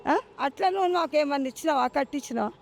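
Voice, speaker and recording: A woman's voice: sits high, lively intonation, fast, darkish tone, a little hiss or hum. A woman in her seventies with a Telangana accent, pleading insistently in a street interview and pressing for answers. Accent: Telangana Telugu. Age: 70s. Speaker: resident being interviewed.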